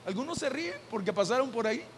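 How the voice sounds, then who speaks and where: A Mexican man preaching a sermon as pastor, impassioned and building to shouted repetitions, in a church sanctuary. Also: very high voice, expressive, quick pace, a little hiss or hum. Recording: long hall reverb in a church.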